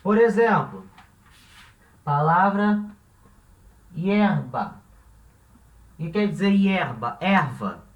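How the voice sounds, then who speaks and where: A high-voiced man gives a slow, patient language lesson, repeating his examples and stopping to check understanding. He stands some distance from the mic in an echoey room. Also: lively intonation, lo-fi sound. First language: Portuguese. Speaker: language teacher. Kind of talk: classroom-style lesson explanation.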